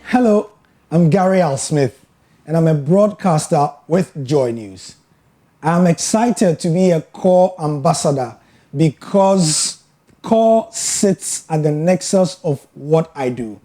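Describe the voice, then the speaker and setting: A Ghanaian sports broadcaster giving a scripted educational talk, telling his story in a measured, earnest way with emphatic pauses. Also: fairly high pitch, expressive, warm tone. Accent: Ghanaian English.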